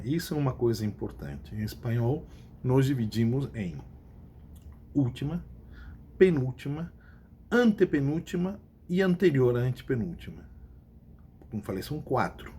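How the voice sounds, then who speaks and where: A Brazilian man at a medium pitch gives a recorded class lesson, repeating key points and checking that students follow. A faint hiss sits under the voice. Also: warm tone. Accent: Brazilian Portuguese. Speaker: Spanish teacher.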